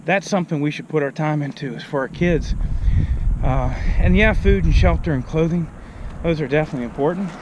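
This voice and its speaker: A pastor with a fairly high man's voice talks casually as he hikes up a hill, a bit breathless from the climb. He speaks into a phone held at arm's length outdoors. A faint hiss of outdoor noise runs under his voice. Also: a little fast, muffled recording. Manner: out of breath from walking uphill. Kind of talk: casual vlog message while walking.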